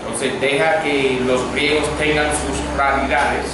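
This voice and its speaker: A man's voice: mid-range voice, flat delivery, unhurried. A man, a pastor, teaching a grammar class. He is patient, checks that students follow, and has them repeat words after him. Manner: patient, checks understanding, drills repetition. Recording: echoey room, voice from far off, faint noise.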